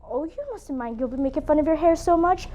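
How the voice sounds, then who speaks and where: A woman's voice: sits high, quick pace, mellow, lightly acted. A woman playing a sweet, chatty young girl in a competitive interpretation piece, gossiping with a friend. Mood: gossipy.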